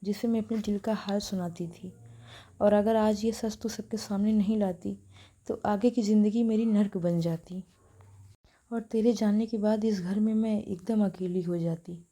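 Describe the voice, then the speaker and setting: Brief: a woman playing a gentle old mother, hurt, low and soft, warm dark timbre. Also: fairly even intonation, lightly acted. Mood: tearful. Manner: soft, slow, tearful and hushed.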